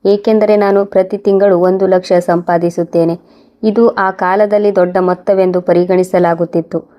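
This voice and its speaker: A woman telling a moral story as scripted first-person narration, calm and measured. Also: mid-range voice.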